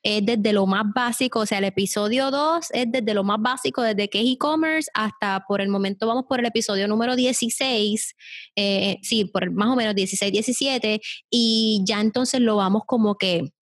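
A woman's voice: medium pitch, normal speed, dry recording, studio quality. Friendly woman explaining e-commerce. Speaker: podcast guest, e-commerce teacher. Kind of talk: casual podcast interview.

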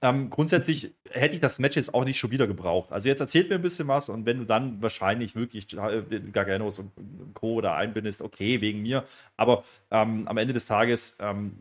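A man's voice: lowish voice, fairly quick. A man co-hosting a casual wrestling review podcast, chatty and full of hesitant fillers.

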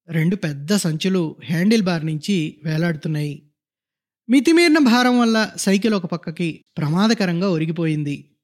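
A man reading a short story aloud in a measured, descriptive narration. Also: sits high.

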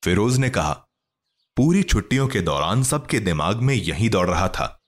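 A man with a fairly low voice reads a children's story aloud, his pitch rising and falling in a lively, expressive way. The delivery is scripted and steady, shaped for listeners following along. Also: normal speed. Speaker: narrator. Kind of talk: storybook narration.

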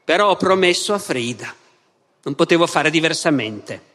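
A man's voice: a little high, animated, moderate pace, sharp tone, big-room sound. A man reading the lines of a humble, devoted young woman in an earnest, pleading way. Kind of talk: dramatic reading aloud.

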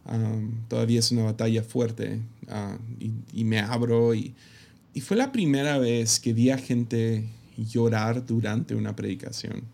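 A man who is a pastor, telling a personal story to camera in a reflective, halting way with many fillers. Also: mid-range voice, gravelly, warm tone. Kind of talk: casual personal testimony to camera.

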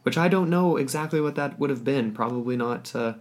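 A man's voice: medium pitch, a little fast. A man co-hosting a podcast in casual chat, musing and meandering as he talks. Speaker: podcast co-host.

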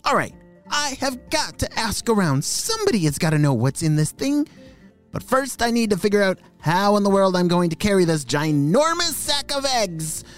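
Storybook role: jittery little boy frog, squeaky and eager, voiced by a man, soft music under. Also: very animated, normal speed. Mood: excited. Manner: high and eager, wide-eyed. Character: excitable young male spring peeper frog. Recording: faint music behind.

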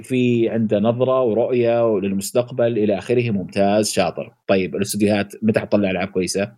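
Male podcast co-host, rapid and animated, lowish voice, opinionated. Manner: animated and opinionated, jumps to high pitch for emphasis; many hesitations and filler sounds. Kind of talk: casual gaming podcast chat.

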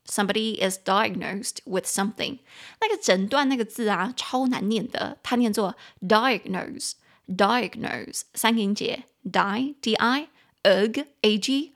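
A woman with a Taiwanese Mandarin accent hosts a casual podcast lesson on English. She talks in a chatty way, spells words out slowly and corrects herself as she goes. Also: mid-range voice. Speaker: podcast host teaching English.

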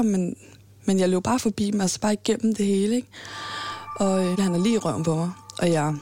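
A woman in her twenties giving a halting personal account in an interview, with many fillers and restarts. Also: medium pitch, dark tone. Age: 20s.

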